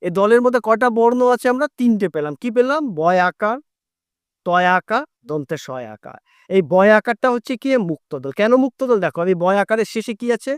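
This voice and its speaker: A man with a high voice teaches a class, asking his students questions as he goes. He stretches syllables out long to demonstrate them. The recording is dry and close, with no room echo. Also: expressive, fast, few pauses, clear, resonant tone. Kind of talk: explaining a lesson to students.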